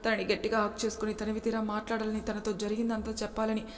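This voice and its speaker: A woman's voice: medium pitch, completely flat delivery, fast talker, a little hiss or hum, close to an everyday voice. Woman voicing an anxious young man, echoey. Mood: longing. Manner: worried, earnest inner musing. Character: young man, anxious and longing office worker. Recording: long reverb echo.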